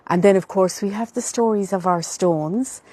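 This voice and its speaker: A woman's voice: mid-range voice, moderate pace, a little mellow, dry recording. A woman with a Cork Irish accent speaking as a traditional storyteller, in a lilting, lyrical way, as she chats to promote her storytelling. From Ireland. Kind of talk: promotional chat in a storyteller's manner.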